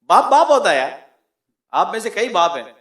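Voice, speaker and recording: A man giving a sermon in a lively, emphatic way, his voice climbing into loud peaks. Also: sits high, normal speed, echoey room. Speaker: preacher.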